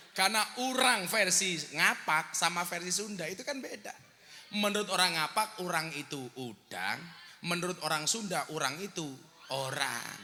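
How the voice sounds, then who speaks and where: A high, bright-voiced man preaches, joking with and teasing his crowd in a humorous live sermon. His voice carries a long hall echo over faint music from a stage microphone. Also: a little hiss or hum.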